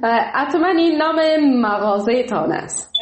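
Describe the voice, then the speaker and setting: Woman, Kabuli Dari accent, radio host, slightly high voice, polite and encouraging, roomy echo. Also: animated, highs cut off. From Afghanistan. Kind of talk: radio call-in hosting.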